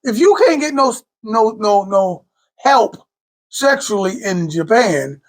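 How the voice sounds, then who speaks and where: A man's voice: high-pitched, lively intonation, takes it slowly. A man from Cleveland co-hosting a podcast, talking loosely and animatedly with many restarts and asides. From Cleveland, Ohio. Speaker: podcast co-host. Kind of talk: casual chat.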